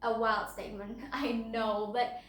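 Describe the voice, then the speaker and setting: A student in a speech contest, this high-voiced Indonesian teen girl whose first language is Hokkien gives a prepared persuasive speech to camera at a measured pace. She is lively and repeatedly asks the listener questions. The mic is far from her, and the room echoes.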